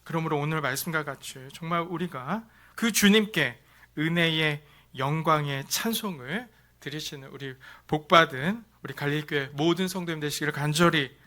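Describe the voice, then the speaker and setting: A man preaching a Sunday sermon as pastor, moving between emphatic, raised lines and hushed, soft ones. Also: a little high, normal speed. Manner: preaching with repeated stress and swings between loud and hushed delivery.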